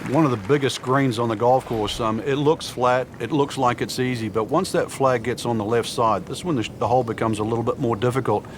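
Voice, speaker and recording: A man's voice: mid-range voice, fairly even intonation, fairly quick, hardly any pauses, close to an everyday voice. A man speaking as an easygoing golf commentator, giving informal expert analysis with hesitant phrasing. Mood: relaxed, analytical. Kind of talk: conversational broadcast golf commentary. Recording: crowd and outdoor noise behind. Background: crowd, outdoor ambience.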